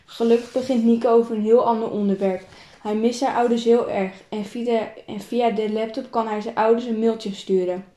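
A woman's voice: a little high, fairly even intonation, normal speed, mellow. Woman reading a story in an echoey room. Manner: plain reading with small repeats and restarts. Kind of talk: reading a self-written story aloud.

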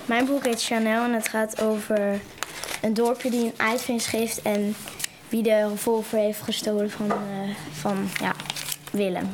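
A woman's voice: fairly high pitch, level tone, a little slow, noisy background. A woman reading a passage from a book aloud, stumbling and restarting words.

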